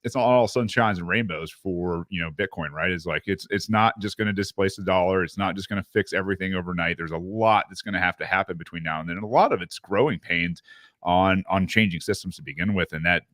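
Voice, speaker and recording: Low-voiced podcast host, rambly questions with lots of ums and you knows, dry close sound. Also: male voice, quick pace, a bit bright, no room sound. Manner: meandering, filler-heavy questions. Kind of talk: podcast interview.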